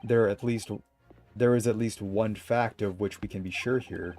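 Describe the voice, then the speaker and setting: A man voicing an earnest, determined young defence lawyer with a measured, formal delivery in a video game. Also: on the low side, fairly even intonation, a little mellow, soft background music, natural voice. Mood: assertive.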